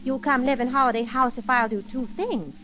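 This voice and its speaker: A woman narrating a children's story for an old record in a sweet, gently theatrical way, talking kindly to a little elf. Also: high-pitched, a little fast, rough recording. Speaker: storyteller and host.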